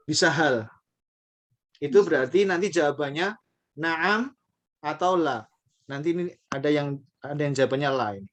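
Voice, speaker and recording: A man teaching a casual online language lesson, patiently repeating phrases slowly for learners to copy. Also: fairly high pitch, a bit bright.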